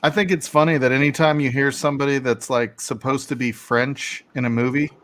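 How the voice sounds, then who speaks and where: A man's voice: mid-range voice, steady tone, a little fast, fairly bright tone. A man hosting a casual live stream over a video call, telling loose stories with the odd curse. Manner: loose, swearing storyteller. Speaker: stream host.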